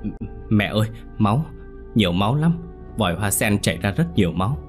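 A man's voice: lowish voice, expressive, brisk, faint music behind, natural voice. A man voicing a terrified young woman in a ghost story, speaking in choked, broken sobs. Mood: panicked. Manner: sobbing, broken speech.

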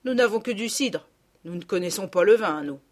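A woman reads an audiobook character, a middle-aged peasant woman who gardens and scolds and gossips in blunt, rustic speech, here in a gossiping mood. Her medium-pitched voice is brisk, a little mellow and lively in intonation, with light acting.

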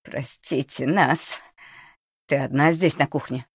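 A woman voicing a tough orphan boy in a storybook, barking threats in a menacing, low voice close to her own. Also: fairly even intonation, slow, slightly rough, no room sound, full character voice.

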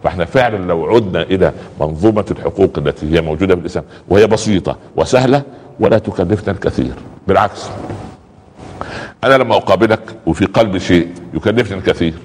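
A very low-voiced man with an Egyptian Arabic accent preaches in a chatty, colloquial way, peppering his talk with pious exclamations. He speaks quickly, and his voice carries a long reverb from the space. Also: darkish tone, breathy edge. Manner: conversational, repeats pious exclamations, acts out little dialogues.

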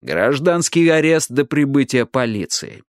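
A man reading an audiobook voices a gruff, impatient private detective who snaps threats and orders. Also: mid-range voice, big pitch swings, unhurried, no room sound, clean studio sound. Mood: stern. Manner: snapping, threatening, barking orders. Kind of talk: audiobook character voice.

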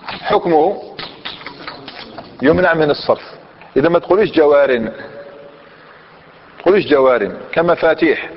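A man's voice: fairly high pitch, slight background noise. A man teaching a grammar lesson, questioning his class and repeating their answers. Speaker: Islamic scholar teaching Arabic grammar. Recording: dull lo-fi recording in a reverberant hall.

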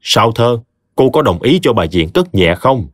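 A man's voice: mid-range voice, very animated, a little slow, no echo, clean studio sound. A man voicing a stern, scornful village chief who barks orders. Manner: commanding and contemptuous.

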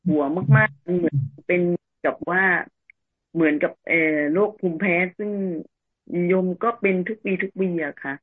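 A woman on a video call reports to the monk in a polite and halting way, pausing often with fillers. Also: lowish voice, husky. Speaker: follower on the call. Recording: tinny phone-like call audio.

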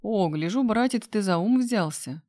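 A woman's voice: fairly low pitch, animated, fairly quick, a little mellow, no room sound, clean studio sound, close to an everyday voice. A woman voicing a jokey playboy brother. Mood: mocking. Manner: jokey and mocking. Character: joking playboy brother, man around thirty. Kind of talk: audiobook character voice.

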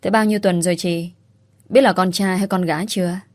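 A woman's voice: on the low side, fairly even intonation, brisk, a little mellow, dry recording, natural voice. A woman voicing a sly, smug young female teacher who pries breezily. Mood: prying.

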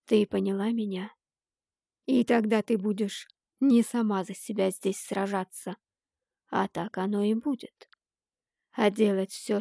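Woman reading calm steady mother figure, soft and slow, gravelly, dry audiobook sound. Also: mid-range voice, no echo. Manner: calm, quiet, slow and measured.

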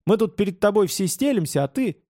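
A man voicing a haughty, quick-tempered young clan heir who talks down to others. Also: sits high, lively intonation, warm tone, no echo, clean studio sound, pitched above the performer's own voice. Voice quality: domineering, haughty.

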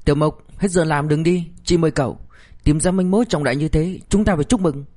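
A man's voice: a little high, fast talker, a little mellow, voice pushed up, close to an everyday voice. Proud, short-fused young woman colleague, voiced by a male narrator; raised, lifted voice for an audiobook. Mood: forced cheer. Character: young woman officer, proud and quick-tempered.

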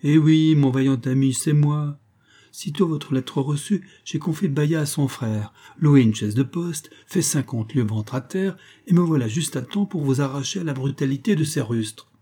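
A man playing a polished, courtly prince who speaks in long, gracious explanations. His manner is reassuring and well-mannered. The voice is dark and a little husky, like a storybook reading. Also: a little high, moderate pace, lightly acted.

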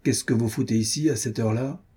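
A man's voice: medium pitch, steady tone, quick pace, dark tone, husky, lightly acted. A man voicing an indignant army lieutenant who barks orders in a raised voice. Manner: barking orders. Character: angry, blustering male army lieutenant.

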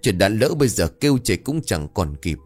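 A man's voice: fairly low pitch, sing-song, a little fast, faint music behind. A man voicing an anxious village wife and mother who speaks in a trembling, pleading way. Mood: fretful.

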